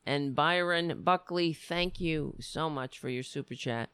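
An American woman with a raspy voice hosting a casual livestream, talking in a blunt, emphatic way and repeating phrases. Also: low-pitched, measured pace, a bit bright, no room sound, studio quality. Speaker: livestream show host. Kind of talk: casual livestream monologue with political commentary.

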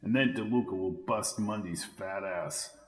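A man voicing a tough young male soldier who talks in a quiet, clipped, hushed way. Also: deep voice, moderate pace, reverberant, long reverb tail, pitched below the performer's own voice, close to an everyday voice.

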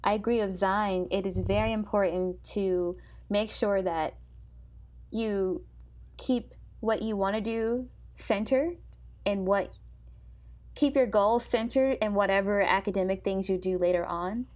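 A young woman co-hosting a podcast, chatting casually in a soft, comforting voice and laughing often. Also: medium pitch, fairly even intonation, unhurried. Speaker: podcast co-host. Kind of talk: casual chat.

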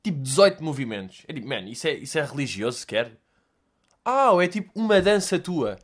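A man's voice: on the high side, big pitch swings, a little fast. A young man with a Lisbon Portuguese accent, telling a rambling comic story as a podcast host, slangy and sweary, acting out bits. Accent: European Portuguese, Lisbon. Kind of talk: casual comedic monologue.

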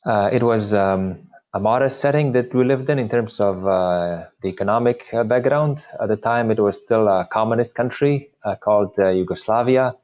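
Slovenian-accented male priest, interview guest, halting delivery, muffled remote sound. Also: fairly low pitch. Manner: hesitant, many filler pauses. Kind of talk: interview conversation.

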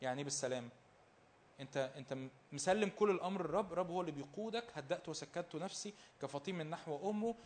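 A man with an Egyptian accent preaching a sermon, emphatic and repetitive, firing off rhetorical questions and dropping from loud calls to hushed lines. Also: a little high, lively intonation, rapid-fire. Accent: Egyptian Arabic.

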